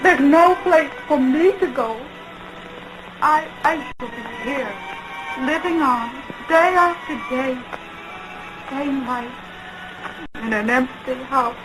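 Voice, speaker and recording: A woman playing an anguished, lovelorn woman in an early talkie film melodrama, pleading in halting, drawn-out phrases. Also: high voice, rough recording. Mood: forlorn. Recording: 1920s film soundtrack with loud music.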